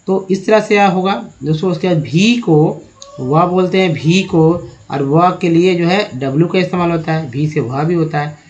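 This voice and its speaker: A man teaching an English pronunciation lesson, slowly spelling words letter by letter and addressing viewers as friends. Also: on the high side, darkish tone. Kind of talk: spoken language lesson. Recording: dull lo-fi recording.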